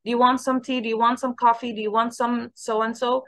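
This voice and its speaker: A woman with an Egyptian Arabic accent teaching English, explaining quickly in Arabic and modelling English phrases slowly and carefully. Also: on the high side, little pitch movement, fairly bright tone, no room sound. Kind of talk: bilingual English lesson.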